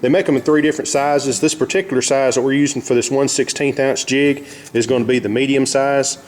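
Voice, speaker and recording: A man's voice: medium pitch, fairly even intonation, fairly quick, slight background noise. A man with an Arkansas Southern accent giving a casual, folksy, plain-spoken how-to demonstration as host of a fishing vlog. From Arkansas, United States.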